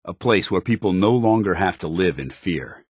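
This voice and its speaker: Speaking at normal speed and in an animated way, a principled, stern soldier with a very deep, husky voice gives video game companion dialogue. He is formal and earnest as a loyal commanding officer, the mood solemn, recorded dry and close with no echo.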